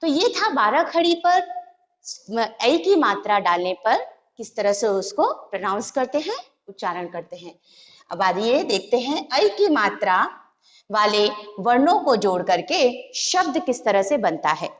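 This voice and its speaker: Slow, patient woman teaching children. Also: a little high, sing-song. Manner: patient, spells out sounds syllable by syllable. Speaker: primary school Hindi teacher. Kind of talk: slow classroom lesson for young children. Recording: dull lo-fi recording with long hall reverb.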